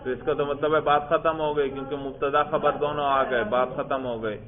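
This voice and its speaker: A man's voice: medium pitch, steady tone, a crowd in the background. Man teaching, drilling students with questions. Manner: drills students with questions, repeats their answers, praises them. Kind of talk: classroom grammar lesson. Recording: tinny phone-like classroom recording.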